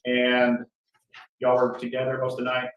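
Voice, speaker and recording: A man's voice: mid-range voice, completely flat delivery, moderate pace, muffled recording. A man cross-examines a witness on a courtroom recording. His questions come in a folksy, conversational way. He sits far from the mic in a heavily echoing room, with a faint hiss. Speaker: defense attorney. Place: large courtroom, indoors.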